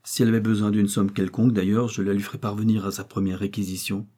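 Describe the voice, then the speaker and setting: A man voicing a calm, formal provincial notary in an audiobook, imperturbable and stiff. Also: on the low side, fast, close to an everyday voice. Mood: composed. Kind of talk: audiobook character voice.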